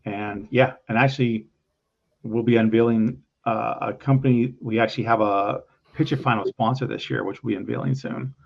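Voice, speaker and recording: A man who runs a pitch competition, chatting casually with enthusiastic, salesy energy. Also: steady tone, normal speed, gravelly, highs cut off. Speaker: event organizer. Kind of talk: casual conversation.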